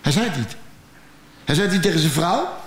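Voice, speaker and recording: A man with a Dutch accent doing stand-up storytelling, blunt and profane with a deadpan delivery. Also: a little high, a little fast, echoey room. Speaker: stand-up comedian.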